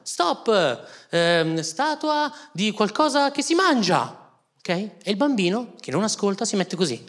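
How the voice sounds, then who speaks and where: A man in his thirties, a comedian telling funny stories in an animated, exasperated way and laughing through his punchlines. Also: sits high, a little slow. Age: 30s. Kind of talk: comic storytelling.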